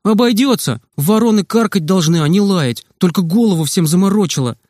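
A man reading aloud voices a stubborn, hot-headed boy at summer camp who shouts his protests. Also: sits high, lively intonation, quick pace, slightly rough, no echo, clean studio sound, pitched above the performer's own voice. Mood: defiant.

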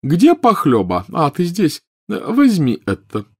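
A man's voice: fairly high pitch, huge pitch swings, slow, darkish tone, slightly rough, no room sound, clean studio sound, pitched above the performer's own voice, heavily acted. A male audiobook reader voicing a silly, doting old witch who gushes over her treasures in fussy exclamations. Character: silly gushing rich old witch woman. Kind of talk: audiobook character voice.

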